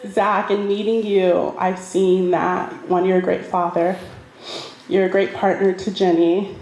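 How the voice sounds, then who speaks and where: A woman's voice: mid-range voice, a little mellow. A woman giving an earnest, heartfelt wedding toast to her friend at a reception. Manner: earnest, with pauses and fillers. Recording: echoey reception hall.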